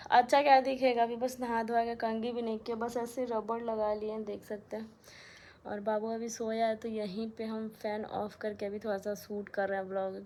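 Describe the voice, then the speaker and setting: In a casual vlog, a young woman talks straight to her viewers in a chatty, aggrieved way, her mid-range voice dark in tone. She films on a phone held close in a small room at home, fan switched off, with slight background noise.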